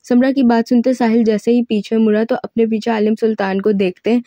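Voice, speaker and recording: A woman narrator reading a romance novel aloud as steady storytelling. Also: on the high side, a little fast, no room sound. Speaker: audiobook narrator.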